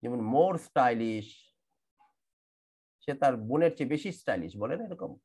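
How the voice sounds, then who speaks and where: A man from Bangladesh with a Bangladeshi accent teaching English grammar in an online class, explaining rules slowly and repeating and spelling out words. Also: mid-range voice, sing-song, a little mellow, breathy edge. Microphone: computer mic in an online class.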